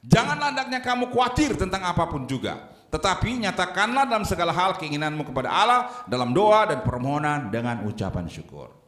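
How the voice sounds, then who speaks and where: A man preaching a sermon as pastor, lively and emphatic, swinging between loud stressed lines and low quiet ones. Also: fairly quick, roomy sound. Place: church sanctuary.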